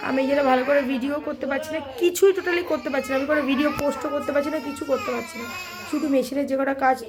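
A woman's voice: sits high, fairly even intonation, racing. A young woman with a sore throat, vlogging at home in a tired, weary way. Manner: tired, complaining, talks to her child. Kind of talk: casual chat. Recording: noisy home phone recording.

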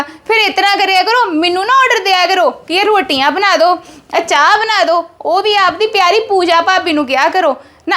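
A woman with a very high voice plays an aggrieved daughter-in-law in a home drama skit. She complains and scolds. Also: fairly bright tone. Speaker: actor playing a resentful daughter-in-law. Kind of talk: family drama skit acting.

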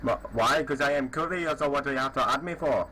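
A man voices a posturing tough guy in a clumsy put-on Indian accent, taunting and boasting nonstop. The tone is bright and forceful, a touch deeper than his natural voice. A faint hiss of line noise runs under it. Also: fairly quick, natural voice. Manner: aggressive, taunting, bragging. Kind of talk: prank call over voice chat.

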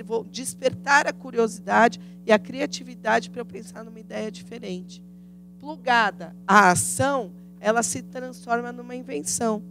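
A woman in her thirties with a Brazilian Portuguese accent lectures on business in a conference room. Her voice has a noticeable fry. She speaks into a handheld mic, teaching patiently and often checking in with the audience through rhetorical questions. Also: fairly high pitch. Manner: didactic, asks rhetorical questions, frequent tag "né?". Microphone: handheld microphone.

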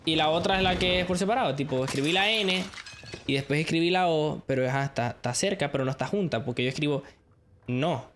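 A young male streamer talks loosely to his chat while he plays, rambling from one thought to the next and laughing often. He mixes in English slang. The mic carries steady background noise and the click of game sounds. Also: fairly high pitch, a little fast. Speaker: gaming streamer. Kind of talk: casual live-stream chat with viewers.

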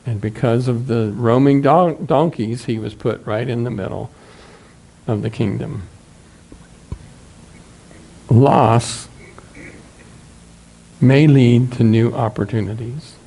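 Older pastor with a mellow, warm voice. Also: male voice, mid-range voice. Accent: American Midwest. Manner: measured, reads scripture aloud from a booklet. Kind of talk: sermon. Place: small church sanctuary.

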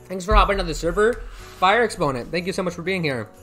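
A young American man with a high, expressive, bright voice talks quickly and forcefully while hosting a live game stream from a computer in an indoor room. Over a headset mic he chats casually, rambles, repeats himself, reads out chat messages and thanks viewers by name, with faint music behind him.

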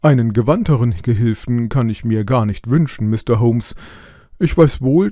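A man's voice: medium pitch, dark tone, dry recording, studio quality, close to an everyday voice. A man reading a hesitant, plain shopkeeper. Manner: hesitant, with filler sounds. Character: plain, hesitant middle-aged male shopkeeper. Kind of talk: audiobook role reading.

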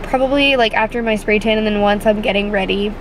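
A young woman in her twenties vlogs casually to camera, first in a car and then in her bedroom at home, chatty and full of fillers like "like" and "I guess you could say," plus little asides. Her medium-pitched voice is fast, in an echoey room with a noisy background.

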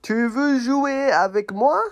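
A man voicing a childish, pushy male toy elephant in slow puppet play for learners, insistent and whiny, repeating himself. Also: very high-pitched, voice pushed up, exaggerated voice. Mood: pleading.

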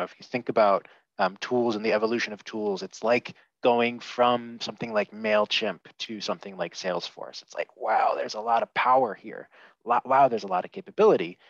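A man with a fairly low, fry-tinged voice speaks on a headset in a small room, with no room sound audible. As a webinar panelist he offers candid, opinionated views, full of fillers and restarts. The video call audio is dull and lo-fi.

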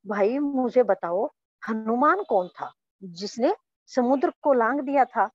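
A woman's voice: fairly high pitch, animated, slow, breathy edge, no echo, highs cut off, heavily acted. A woman reading as an old, pleading monkey. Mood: weary. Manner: soft, plaintive storytelling voice. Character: old weak male monkey, gentle, pleading.

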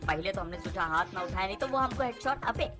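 A man commentates his gameplay live in a crude, swearing, mock-heroic way. Loud music pounds under his voice the whole time. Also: high voice, animated, fast. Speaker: gaming streamer.

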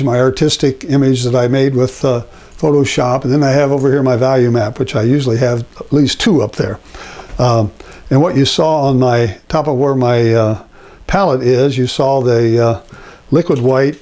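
This older man is a painting instructor whose medium-pitched voice carries a loose, meandering demo at the easel, thick with filler words. A lapel mic captures him in his home studio.

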